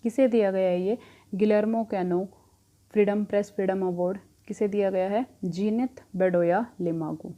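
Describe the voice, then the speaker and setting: A woman's voice: mid-range voice, steady tone, normal speed, dull audio. A young woman teaching current affairs, asking questions and answering them herself, with rhyming memory tricks. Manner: asks a question, then answers it herself, repeating.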